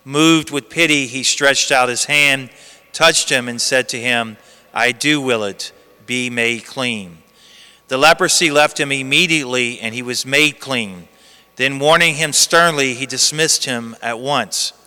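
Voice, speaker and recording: In a big church with long reverberation, a priest from the United States reads the gospel, then preaches an earnest homily told through story. His mid-range voice is pushed and bright with a clean tone, and he speaks a little slowly.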